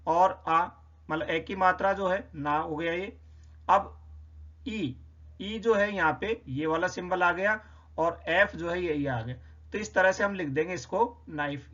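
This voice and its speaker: High-voiced man explaining a phonetics quiz. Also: pushed and bright, highs cut off. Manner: explains step by step, repeats sounds slowly. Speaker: English teacher.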